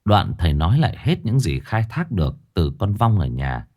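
A man narrating a ghost story in a lively, folksy, expressive way. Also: sits low, moderate pace.

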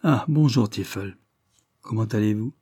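Aloof nobleman, read by a man, measured, dark, dry. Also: mid-range voice, breathy edge, no echo, pitched above the performer's own voice, close to an everyday voice. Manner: composed, aloof. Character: haughty good-humoured male aristocrat.

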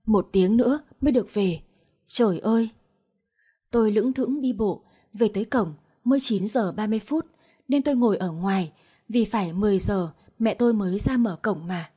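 A woman in her thirties narrating a first-person story in a lively way. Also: medium pitch, moderate pace, breathy edge. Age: 30s. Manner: lively, acts out dialogue.

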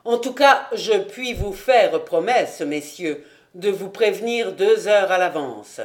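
A woman reading an audiobook, voicing a male army captain in a lowered, cool, measured tone. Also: expressive. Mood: calm. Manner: cold, measured, unhurried.

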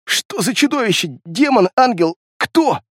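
A man's voice: very high-pitched, sing-song, a little slow, no room sound, clean studio sound, pitched above the performer's own voice, full character voice. A man voicing a terrified, half-mad male beast-man who pleads and babbles frantically, in an audiobook. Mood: frantic.

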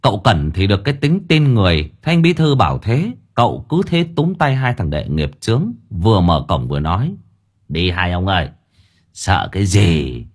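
A man narrating a comic story in a lively, playful storytelling manner. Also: on the low side, fairly quick, few pauses, husky. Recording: faint background music.

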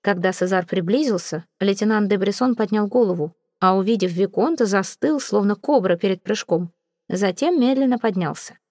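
A woman's voice: mid-range voice, normal speed, a little mellow, dry recording, clean studio sound. Woman narrating an audiobook.

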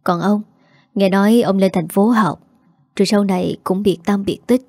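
A devoted young village woman from a spoken story, earnest and soft-spoken, as a woman reads her. The voice is warm and mellow, recorded dry and close. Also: medium pitch, moderate pace, no echo, natural voice. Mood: pleading.

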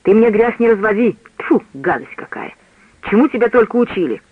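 A man voicing a sharp-tongued woman innkeeper who scolds and mocks in an audiobook. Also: sits high, expressive, brisk, breathy edge, no room sound, voice pushed up. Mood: scolding. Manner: scolding, mocking. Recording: tinny phone-like dry sound.

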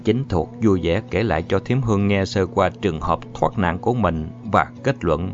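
A man's voice: low voice, normal speed. A man narrating a story expressively. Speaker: audiobook narrator. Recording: muffled with faint music.

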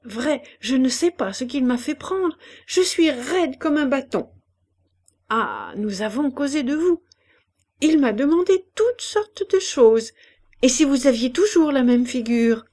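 A poor old woman stuck in her bed, chattering on in a fawning, pious way, as a woman reader voices her. She talks slowly, and her voice often rises high and loud. It comes from a storybook reading. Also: very animated, exaggerated voice. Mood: wheedling. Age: older. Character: poor, bedridden old woman, wheedling and flattering.

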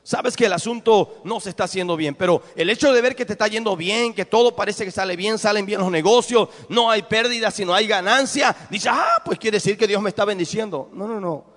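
A man's voice: high voice, a little fast, few pauses, fairly bright tone, in a large hall. A man with a Mexican accent preaching a sermon as a pastor, asking his congregation rhetorical questions. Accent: Mexican Spanish. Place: church.

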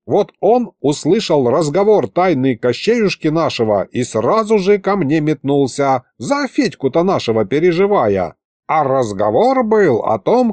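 A man voicing a calm, crafty old grandfather who drawls in folksy speech. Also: a little high, dry recording, clean studio sound.

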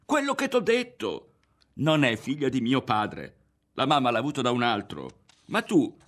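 A man voicing an insistent excitable boy. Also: low voice, moderate pace. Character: excitable boy full of wild news.

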